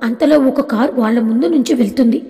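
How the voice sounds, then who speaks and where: A woman narrating an audiobook story in a steady, plain storytelling way. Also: on the high side, brisk, long reverb tail.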